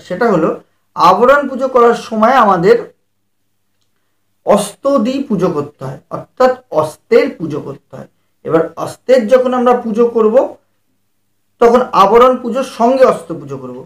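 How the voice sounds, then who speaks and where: High-voiced man teaching puja rites. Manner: explanatory, often checks understanding; recites Sanskrit mantras slowly, drawn out. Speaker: puja ritual instructor. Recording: roomy echo.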